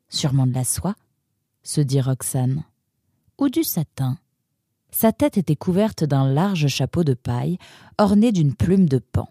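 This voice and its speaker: A woman narrating a serialized audio story in a measured, even manner. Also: low-pitched, dry recording, clean studio sound.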